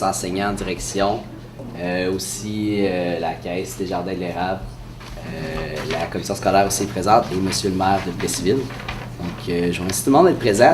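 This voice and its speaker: Hesitant Quebec man with a cold, echoey room. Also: low-pitched. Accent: Quebec French. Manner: hesitant, halting delivery with frequent pauses. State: has a head cold. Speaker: sports association president presenting. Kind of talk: semi-formal press conference presentation. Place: indoor room at a press event. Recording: echoey room, distant mic, faint noise.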